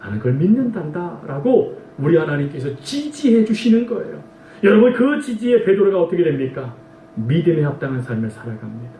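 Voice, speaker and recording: A man's voice: fairly high pitch, big pitch swings, brisk, warm tone, roomy sound, distant mic, a little hiss or hum, poor audio. A male pastor preaching a sermon, emphatic and full of rhetorical questions to the congregation. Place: church sanctuary.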